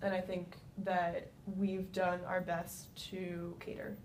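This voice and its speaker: Halting, low-toned woman in pitch practice. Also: monotone, a little mellow. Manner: hesitant, halting answers in a sales pitch practice. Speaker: practice client acting as a meat business manager. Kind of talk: role-played business conversation. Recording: faint rumbly background noise.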